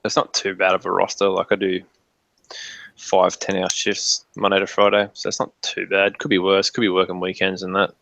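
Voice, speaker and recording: A man's voice: low voice, monotone, normal speed, vocal fry, fairly bright tone. A man chatting casually in sweary, laid-back slang. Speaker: livestream co-host. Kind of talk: casual chat. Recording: muffled lo-fi mic, roomy echo.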